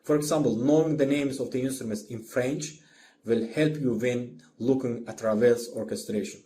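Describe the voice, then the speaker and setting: A man with an Azerbaijani accent and a warm, mid-range voice delivers a scripted lecture as an orchestration teacher. He talks at normal speed in careful, methodical short phrases, with slight background noise.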